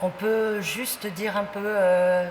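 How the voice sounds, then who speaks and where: A woman's voice: medium pitch, flat delivery, takes it slowly, noisy background. A woman hosting a public interview, asking questions with some hesitation. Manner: questioning, with fillers. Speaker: interviewer host.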